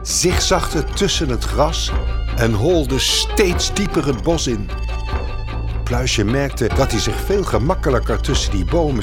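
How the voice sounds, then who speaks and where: Man, children's story narrator, lively varied pitch, slow unhurried pace, music under the voice. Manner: lively, expressive.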